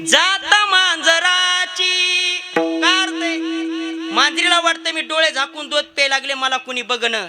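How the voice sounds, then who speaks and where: A man preaching a humorous devotional kirtan sermon. He jokes and tells stories quickly, speaks straight to the crowd, and switches voices for quoted dialogue. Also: very high-pitched, bright, forceful tone. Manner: rapid joking storytelling, addresses crowd directly.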